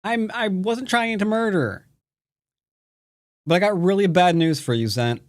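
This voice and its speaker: A high-pitched man from the United States, unhurried in delivery, streams and comments on his own Go game. As a Go teacher, he needles his opponent with playful trash talk.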